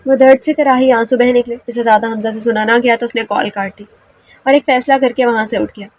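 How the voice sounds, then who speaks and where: A woman reading a romance novel aloud as an audiobook narrator in steady storytelling. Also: a little high, fast talker, no echo. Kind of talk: scripted narration.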